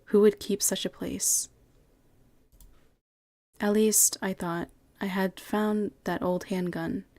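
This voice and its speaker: A woman streamer in a home setup, reading the on-screen text of a game aloud at a measured pace. Between passages she answers her chat in quick, casual asides. Her pitch sits in an ordinary middle range. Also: steady tone, warm tone, no echo.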